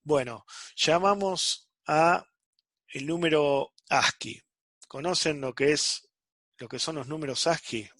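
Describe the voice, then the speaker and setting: A man's voice: fairly high pitch, takes it slowly, a bit bright, dry recording. A man teaching a programming class online, checking in with the students after nearly every phrase. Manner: checks understanding with frequent "¿sí?" and "¿está?".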